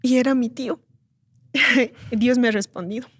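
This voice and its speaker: A woman's voice: a little high, steady tone, husky, no room sound. Earnest young woman sharing her story. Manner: earnest, halting, often repeats words, grows soft and tearful. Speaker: interview guest sharing her testimony. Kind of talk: emotional personal testimony. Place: church recording studio.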